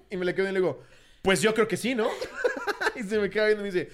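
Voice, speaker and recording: A man's voice: sits high, moderate pace. A man with a Mexican accent, co-hosting a comedy podcast, telling stories with swearing and mimicked voices. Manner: animated storyteller, swearing, mimics others. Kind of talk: casual comedic chat.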